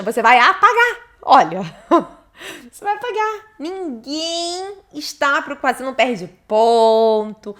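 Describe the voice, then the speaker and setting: A young woman teaching an online test-prep lesson, animated and chatty, often laughing and speaking directly to her viewers. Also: fairly high pitch.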